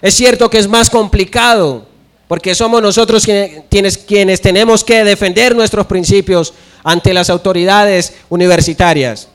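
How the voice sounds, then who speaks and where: A man's voice: sits high, fairly even intonation, moderate pace. A young man preaching a sermon, telling stories and acting out the dialogue.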